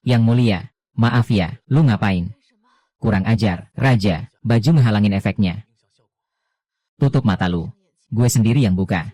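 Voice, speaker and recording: A man recaps an anime in casual slang, voicing every character's lines in one steady voice. His pitch is fairly low, and he speaks a little slowly with long pauses.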